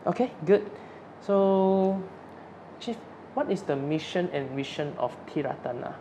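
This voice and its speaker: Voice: medium pitch, lively intonation, measured pace, noisy background. An interviewer, asking loosely phrased questions in an informal way.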